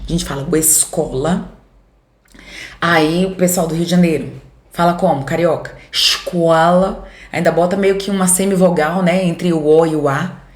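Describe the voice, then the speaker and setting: Lower-voiced Brazilian teacher in an echoey room. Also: female voice, a little mellow. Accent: Brazilian Portuguese, Center-West. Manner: explanatory, checks in with "ok?" and "né?"; voices imagined student questions. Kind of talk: recorded grammar lesson.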